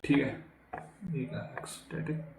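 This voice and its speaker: A man with an Indian accent teaches exam vocabulary in a chatty, unhurried way, repeatedly asking the class questions and calling them "guys." The sound is roomy, with background noise.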